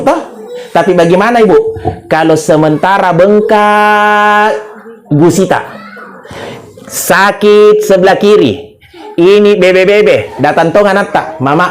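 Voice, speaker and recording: A man's voice: high-pitched, unhurried. A middle-aged man with a Makassar accent giving a humorous condolence sermon, telling jokes and acting out the dialogue in his stories. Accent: Makassar Indonesian. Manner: joking storyteller acting out dialogue. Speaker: preacher.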